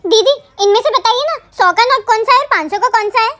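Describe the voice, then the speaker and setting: Bright, high young woman, cheeky. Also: fast talker, faint music behind. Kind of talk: comic sketch acting.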